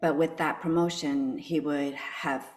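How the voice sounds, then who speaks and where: A woman playwright who grew up in Canada, speaking in a podcast interview in a thoughtful, halting way with many fillers. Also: deep voice, steady tone. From born in Korea, grew up in Canada. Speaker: playwright and actress, guest.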